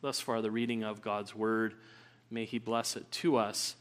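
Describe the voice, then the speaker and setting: An earnest male pastor preaching at a pulpit microphone in a church sanctuary. He leads prayer and reads scripture at a measured pace, filling pauses with an occasional "uh" as he sets up his text. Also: on the low side, level tone. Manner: earnest, measured delivery with frequent "uh" fillers. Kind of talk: sermon with opening prayer and scripture reading.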